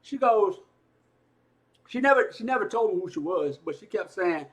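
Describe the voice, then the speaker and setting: High-voiced young man telling a story. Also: normal speed. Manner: animated, repetitive, exclaiming storyteller; talks while eating. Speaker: YouTube gaming channel host. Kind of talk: casual storytelling to camera.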